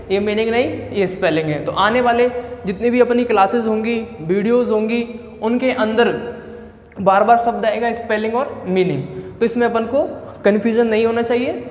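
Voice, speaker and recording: A male teacher gives a patient classroom-style grammar lesson, asking himself questions and answering each one with the key word dropped low. He repeats points and spells words out letter by letter. His voice rings in a roomy space with a long reverb tail and faint noise behind it. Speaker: English teacher.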